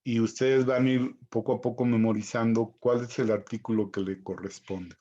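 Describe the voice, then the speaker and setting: A man teaching a recorded Greek vocabulary lesson, spelling out each pronunciation slowly and carefully. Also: medium pitch, fairly even intonation, dark tone, dull audio.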